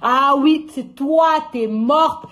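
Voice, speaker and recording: A young woman on a phone live stream, angrily swearing and ranting, swinging between shouts and low mutters. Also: takes it slowly, slight background noise. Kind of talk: heated live-stream rant. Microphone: phone during a live stream.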